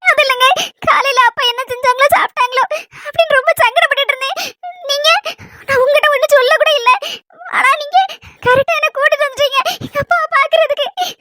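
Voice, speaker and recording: A woman voicing a bright, emotional young wife in a cartoon, with a Kanyakumari Tamil accent. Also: very high voice, fairly even intonation, quick pace, noisy background. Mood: grateful. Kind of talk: cartoon voice acting.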